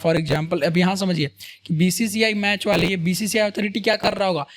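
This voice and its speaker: A man teaches a screen-recorded coding lesson. He talks in a loose, conversational way and keeps checking in with his viewers by asking "right?" and "boss?". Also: sits high. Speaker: programming tutor.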